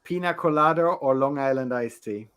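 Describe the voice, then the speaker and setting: A man co-hosting a casual chat, blunt and quick to laugh, repeating words when excited. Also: medium pitch, smooth. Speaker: podcast co-host.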